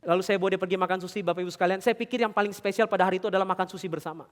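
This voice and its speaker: Male pastor, middle-aged, sermon delivery; high register, roomy hall reverb, shifts between fervent and hushed. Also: steady tone, very fast. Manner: swings from loud, high preaching to quiet, confiding storytelling; addresses the congregation directly with questions. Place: large church hall. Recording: long church hall reverb.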